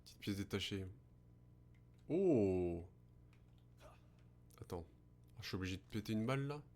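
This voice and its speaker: A man's voice: fairly low pitch, rapid-fire. A man commentating a horror game as a scared streamer, swearing and muttering to himself. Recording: steady background noise with hum.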